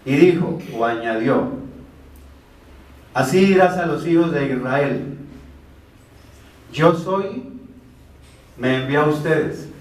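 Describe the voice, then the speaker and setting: A man preaches and teaches the Bible, explaining verses step by step and posing rhetorical questions that he answers himself. His voice is on the high side and animated, delivered at a slow pace with long pauses. The recording sounds roomy and distant.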